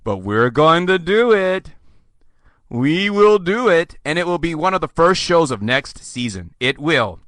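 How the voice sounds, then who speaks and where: A man's voice: a little high, very animated, measured pace, fairly bright tone, dry recording. A man hosting a podcast, ranting sarcastically with theatrical mock outbursts. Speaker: podcast host. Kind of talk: sarcastic solo podcast rant.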